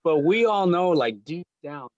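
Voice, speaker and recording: A man in a casual panel chat talks earnestly and leans on "you know" and "like". His voice sits a little high. The sound is dry and slightly dull. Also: animated, unhurried, darkish tone, dry recording. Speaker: panel guest.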